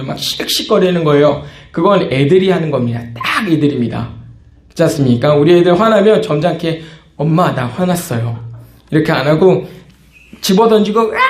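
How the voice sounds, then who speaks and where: Pastor preaching in an echoey room. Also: male voice, high voice, darkish tone. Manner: conversational preaching, acts out quoted outbursts. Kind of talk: sermon.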